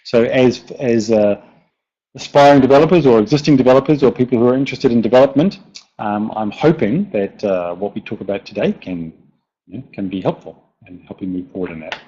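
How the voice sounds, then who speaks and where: A man's voice: mid-range voice, fairly quick, mellow, husky. A man with a broad New Zealand accent giving an informal technical presentation, often hesitating and repeating words. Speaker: presenter, software developer. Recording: dull lo-fi online audio.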